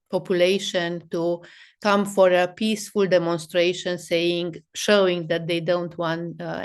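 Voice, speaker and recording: A woman's voice: on the low side, clean tone. A woman from Romania, speaking English as an as a guest psychologist on a video call, thoughtful and searching for words. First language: Romanian and Hungarian. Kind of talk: live interview over video call.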